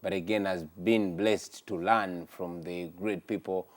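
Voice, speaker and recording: Deep-voiced man, earnest. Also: fairly even intonation, unhurried. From Uganda. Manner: earnest, speaks in sweeping statements. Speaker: musician guest. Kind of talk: TV morning show interview. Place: TV studio.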